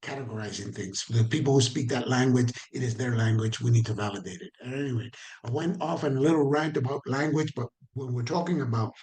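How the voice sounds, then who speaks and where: A Caribbean Spanish-accented man teaches an online training, speaking at a quick pace with a medium pitch and a darkish tone. He stays conversational, asking the audience questions and repeating himself to drive points home.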